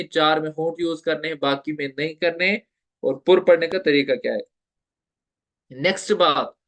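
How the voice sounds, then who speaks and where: A Tajweed teacher gives an online lecture on recitation in a higher, fairly bright voice. He is patient, repeating points and asking the listener questions, and draws out letter sounds to demonstrate.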